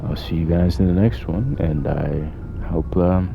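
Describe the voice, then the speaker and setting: A man giving low-key, casual video game commentary with hesitant phrasing. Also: unhurried, gravelly, lo-fi sound, background noise.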